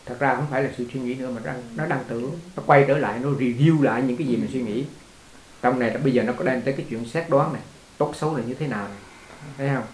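A man's voice: mid-range voice, very fast, slight background noise. A man teaching as a Buddhist teacher in a conversational dharma talk, repeating words and laughing along with his listeners. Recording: echoey room.

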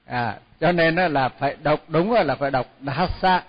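A man teaching Pali chanting, intoning each word slowly and repeating it, then explaining pronunciation in a relaxed, chatty way with small laughs. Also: fairly high pitch, breathy edge. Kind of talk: chanting lesson with spoken explanation. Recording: dull lo-fi sound with long hall reverb.

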